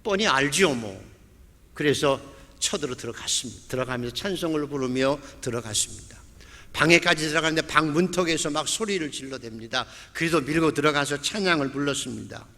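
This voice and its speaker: Storytelling pastor in echoing church hall. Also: male voice, a little high, expressive, a little fast, vocal fry, sharp tone. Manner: vivid storytelling, acting out quoted lines. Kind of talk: sermon with storytelling. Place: church sanctuary. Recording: long church hall reverb.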